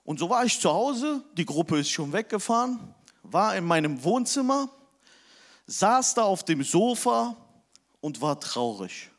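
A male preacher delivers a sermon through lively storytelling. His voice sits high and leaps up and down as he drives his points home. He sometimes pushes toward a shout. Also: a little slow. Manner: animated storytelling. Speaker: pastor.

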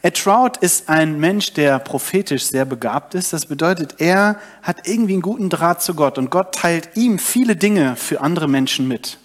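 A man's voice: a little high, lively intonation, normal speed, hardly any pauses. A young adult man giving a sermon, retelling a story and addressing the congregation directly. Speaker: preacher.

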